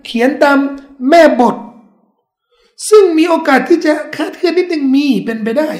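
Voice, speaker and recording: A man giving a religious lecture, explaining at length with emphatic rises in his voice. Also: extremely high pitch. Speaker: religious teacher. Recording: echoey room.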